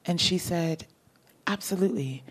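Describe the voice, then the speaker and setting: With a lowish voice carrying a breathy edge, the novelist keeps a moderate pace as she talks about her books. It's a relaxed book-talk setting, with audience Q&A and frequent laughter.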